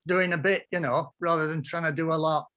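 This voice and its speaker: High-voiced man, encouraging, on a call. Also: steady tone, a little fast, a bit bright, muffled recording. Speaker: group participant.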